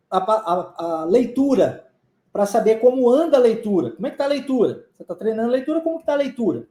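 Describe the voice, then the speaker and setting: An English teacher whose first language is Portuguese, giving a live online lesson. The teacher drills short phrases slowly and keeps checking in with the learners. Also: mid-range voice, dark tone, reverberant.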